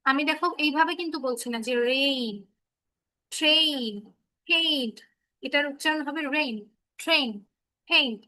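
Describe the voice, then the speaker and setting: Bright high-voiced woman teacher. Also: fairly quick. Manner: patient, keeps checking if pupils understand; addresses the children affectionately as "baba". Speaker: English teacher. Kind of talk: online phonics class for children. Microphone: laptop microphone on a video call.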